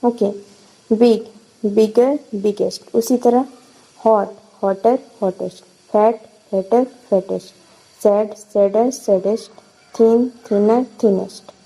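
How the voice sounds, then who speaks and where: Slow-paced Indian woman teaching. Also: medium pitch, steady tone, warm tone, low-quality recording. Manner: spells out words letter by letter. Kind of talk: grammar lesson.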